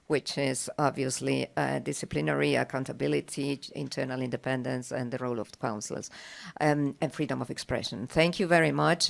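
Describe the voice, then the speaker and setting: Low, gravelly-voiced woman, hesitant conference questioner. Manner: hesitant, many fillers, lightly humorous. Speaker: panel participant asking questions. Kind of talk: conference discussion. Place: conference room.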